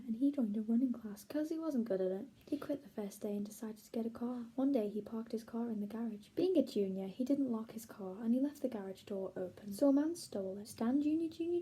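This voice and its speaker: A young woman reading silly stories aloud in a mock-boastful, deadpan comic style, with playful voices for the characters. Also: on the high side, breathy edge, poor audio. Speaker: comedic self-styled author reading her own stories.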